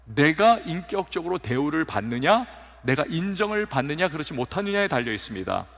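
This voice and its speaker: A male pastor preaching a sermon in a church, telling stories with lively acted-out quotes. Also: fairly high pitch, a little fast. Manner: animated storytelling with acted quotes. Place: church sanctuary. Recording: long hall reverb.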